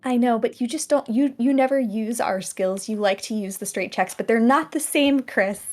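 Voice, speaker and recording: A woman playing a tabletop game, chatty and playful, quick to argue rules. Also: a little high, darkish tone. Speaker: player.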